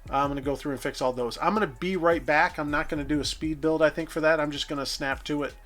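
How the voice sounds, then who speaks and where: Man, slightly higher voice, casual let's-play commentary, thinks out loud, light music under it. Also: steady tone, fast talker. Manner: chatty, thinking aloud with self-corrections. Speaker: gameplay commentator.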